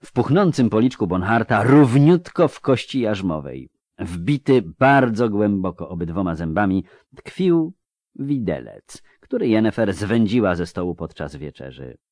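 A man narrating a fantasy audiobook in an expressive, scripted reading with varied emphasis, on a close mic. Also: fairly low pitch, measured pace, dry recording.

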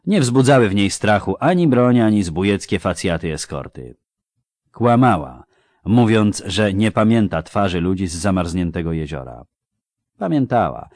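A man with a deep, low voice reads a fantasy audiobook in measured, dramatic phrasing. The recording is dry and close, with no room sound. He paces the tale steadily. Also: big pitch swings, a little mellow, no room sound. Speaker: audiobook narrator. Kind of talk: scripted fantasy narration.

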